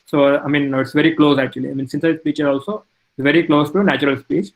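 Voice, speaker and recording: A male lecturer giving a technical talk, halting with many fillers. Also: a little high, fairly even intonation, poor audio.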